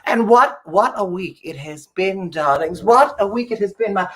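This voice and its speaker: A woman's voice: medium pitch, lively intonation, normal speed, natural voice. A woman playing a grand, campy drag-queen-style Eastern European countess and cabaret diva, with a vaguely Eastern European accent and effusive, stammering, theatrical delivery. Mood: gushing, theatrical. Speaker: cabaret performer and host. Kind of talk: livestreamed cabaret chat with piano songs. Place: at home in an apartment. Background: piano music.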